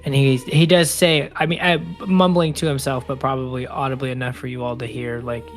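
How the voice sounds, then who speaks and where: A man with a mid-range voice describes his character's actions in a loose, halting way, with frequent fillers. Faint music sits behind him. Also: mid-range voice, little pitch movement. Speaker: player. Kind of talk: tabletop game narration.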